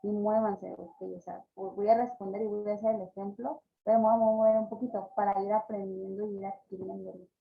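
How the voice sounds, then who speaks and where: Gravelly woman on a tinny call line. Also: mid-range voice, level tone, brisk, hardly any pauses, faint music behind. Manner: earnest, stresses practice instructions. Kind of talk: online class explanation.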